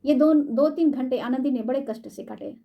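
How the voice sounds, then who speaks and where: A woman storyteller reading a classic short story aloud in a measured, formal way. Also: high voice, vocal fry, dull audio.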